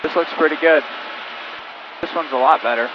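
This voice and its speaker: A man's voice: fairly high pitch, normal speed, highs cut off, background noise. Man coaching over a cockpit headset. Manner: steady, coaching, talks the student through each step. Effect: heard over a cockpit headset intercom. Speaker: flight instructor. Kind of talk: in-flight instruction. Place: small plane cockpit in flight.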